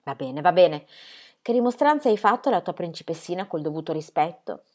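A woman's voice: fairly low pitch, lively intonation, fairly quick, darkish tone. A woman voicing a small, furious elderly aunt who scolds with sarcasm. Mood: scolding.

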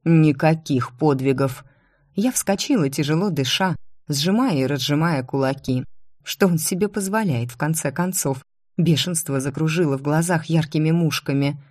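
A woman narrating a first-person fantasy audiobook in an expressive, dramatic reading. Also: low-pitched, normal speed, dry recording, clean studio sound.

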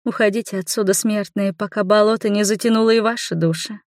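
A woman voicing a stern, ancient female swamp spirit who speaks slowly and coldly. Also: mid-range voice, steady tone, darkish tone, dry recording, studio quality, close to an everyday voice.

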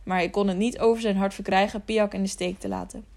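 Woman, audiobook narrator, steady storytelling, middle pitch. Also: fast.

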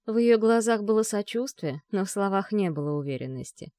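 A woman narrates a novel in a measured, expressive way with a mid-range voice. The recording is close and dry, with no room sound. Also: mid-range voice, dry recording. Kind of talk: audiobook narration.

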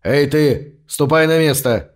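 A man's voice: a little high, slow. A man voicing a stern policeman who barks short orders, in an audiobook reading. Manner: barking orders.

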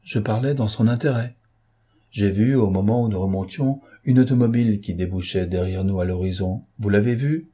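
A man reading an audiobook and voicing a mocking, self-assured gentleman thief with a raised, teasing, theatrical voice. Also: lowish voice, moderate pace, husky. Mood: ironic.

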